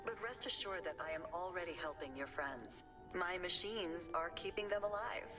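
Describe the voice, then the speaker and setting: A woman voicing a calm, quietly menacing female AI that runs a vast facility in a video game, heard over game music. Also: lowish voice, moderate pace, far from the mic.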